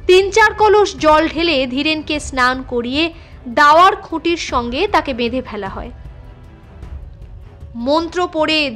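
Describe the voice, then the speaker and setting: A woman with a bright, high voice reads a literary story as a scripted audiobook narrator. Music plays in the background as she tells the tale.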